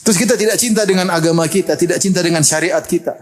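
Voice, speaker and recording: A middle-aged Indonesian man delivers a sermon in a lively, joking way and laughs often. His voice sits a little high for a man. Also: fast. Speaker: preacher.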